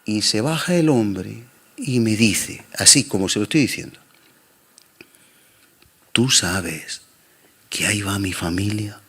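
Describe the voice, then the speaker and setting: A man preaching a sermon as pastor, swinging between loud and soft passages. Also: fairly low pitch, slow, pauses often, slightly rough.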